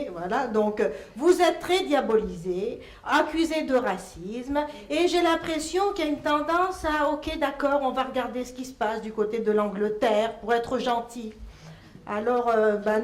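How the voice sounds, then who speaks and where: A woman answering audience questions at a conference, animated and laughing, with many restarts and fillers. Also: on the high side. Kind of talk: Q&A discussion. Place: conference hall. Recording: echoey hall.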